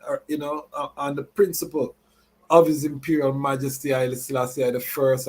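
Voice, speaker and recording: A podcast host, a man with a slightly high voice, talks live to his followers. He moves between announcements and reasoning, using Rastafarian idiom and catchphrases.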